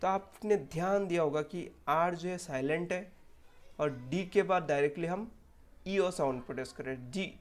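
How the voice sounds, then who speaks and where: Man, fairly high-pitched, English pronunciation teacher: patient and steady, repeats sounds slowly for learners. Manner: patient, reassuring, checks in with learners. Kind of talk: spoken English pronunciation lesson.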